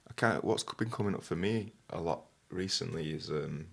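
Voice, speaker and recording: A man's voice: sits low, fairly quick, creaky. A young man telling stories in a casual chat. He talks with lots of fillers and laughs often. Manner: animated, laughing storyteller with many fillers. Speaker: guest host.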